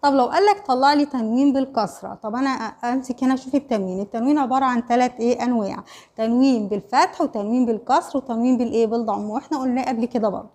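With a fairly high pitch and a darkish tone, an Egyptian-accented teacher talks very fast through an online primary school Arabic lesson. She fires questions at the pupils and answers them herself, checking in over and over with "ماشي؟" and "خلاص؟".

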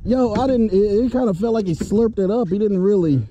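A young man with a Baltimore accent, chatting excitedly while fishing from a boat. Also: high voice, brisk, crowd noise. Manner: excitable, laughs often. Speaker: fishing vlogger. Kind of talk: casual chat. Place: small boat outdoors. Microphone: head-mounted action camera.

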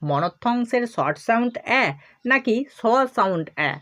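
A woman teaching English reading sounds to children, patiently repeating each example sound slowly. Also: a little high, animated, fairly bright tone. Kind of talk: instructional explanation to children.

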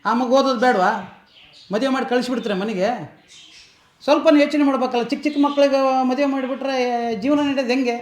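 An actor playing a kind village uncle who firmly scolds the family, with a North Karnataka accent. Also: male voice, high-pitched, expressive, fast. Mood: scolding. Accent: North Karnataka Kannada. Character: kind village uncle defending his niece.

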